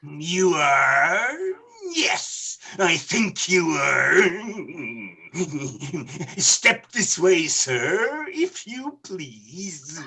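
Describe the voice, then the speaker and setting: An actor playing a reformed old miser in a radio play, giddy and mock-stern, with a husky voice and frequent chuckles. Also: medium pitch, sing-song, very slow, pushed and bright, full character voice. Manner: theatrical, punctuated by chuckles and mock growls.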